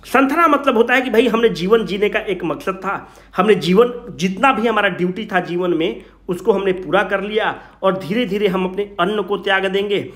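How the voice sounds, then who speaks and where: This exam coaching teacher, a man with a high voice and Bihari Hindi accent, runs an informal revision session where he raises questions and then answers them, stressing the main points repeatedly in plain language. He talks at normal speed with a fairly bright tone, and the room gives a strong echo.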